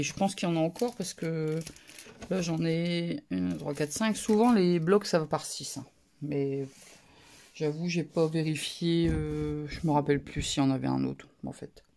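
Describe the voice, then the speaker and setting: A woman casually talking through a craft haul, soft-spoken and murmuring, her asides drifting into whispers. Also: deep voice, gravelly. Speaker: craft vlogger.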